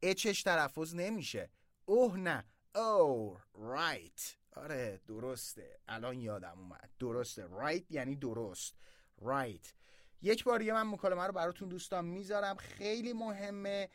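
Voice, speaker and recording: A man teaching English, patiently explaining and then slowly modeling phrases, emphatic about pronunciation. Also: fairly high pitch, animated, a bit bright, no room sound, studio quality. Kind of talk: language lesson.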